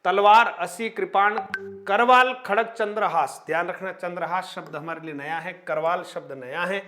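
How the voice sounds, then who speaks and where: A man's voice: sits high, normal speed, bright, forceful tone, faint music behind. A man teaching an exam-prep Hindi grammar lesson, rattling off lists of synonyms and stopping to flag the new words and their spellings. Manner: addresses viewers as friends, frequent tag questions.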